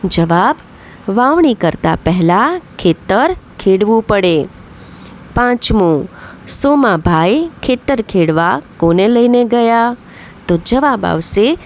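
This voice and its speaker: A woman's voice: medium pitch, slight background noise. A woman teacher, reading out workbook questions and then giving each answer. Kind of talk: slow explanatory workbook lesson.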